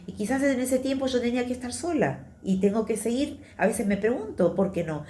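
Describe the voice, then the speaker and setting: A woman's voice: fairly high pitch, brisk, warm tone, echoey room, slight background noise. A woman with a Rioplatense Spanish accent giving a conversational testimony sermon in church, confiding and chatty, often checking in with her listeners. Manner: chatty, confiding, often adds tag questions.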